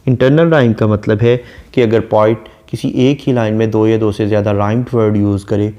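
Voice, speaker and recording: A man lecturing on a poem, reading each line slowly and then explaining it in steady, methodical detail. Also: lowish voice, muffled recording. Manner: reads verse slowly, then explains at length. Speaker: literature lecturer.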